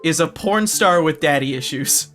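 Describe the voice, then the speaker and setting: A man's voice: on the high side, expressive, normal speed, fairly bright tone, faint music behind. A man hosting a casual party card game, crude and giggly, swearing freely. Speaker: channel host and player. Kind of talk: casual gaming chat.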